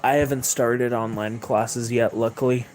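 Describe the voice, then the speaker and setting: A hoarse young man hosting a late-night livestream, chatting loosely with viewers and swearing a lot. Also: lowish voice, takes it slowly, a little mellow, faint music behind. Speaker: livestream host.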